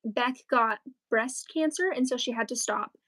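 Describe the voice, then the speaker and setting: A woman's voice: fairly high pitch, measured pace, a bit bright. A teenage girl co-hosting a crafting livestream, chatting casually and rambling with lots of fillers. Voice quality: chatty, rambling with many likes and ums. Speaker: co-host of a crochet livestream.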